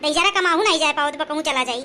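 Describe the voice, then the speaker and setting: A woman's voice: high-pitched, fast talker, pushed and bright, a little hiss or hum. An actress playing a nagging, scolding village mother-in-law who speaks an in a comedy skit.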